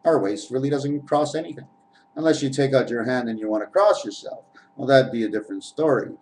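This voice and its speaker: A man's voice: mid-range voice, a little fast, a little mellow, poor audio. Man, rambling spiritual monologue, letter and number wordplay, talks straight to viewers. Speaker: vlogger. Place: at home, on camera.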